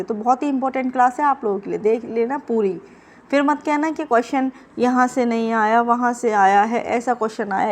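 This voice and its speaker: A woman teaching an exam prep class, quizzing her students and repeating the answers in a brisk, coaching way. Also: a little high.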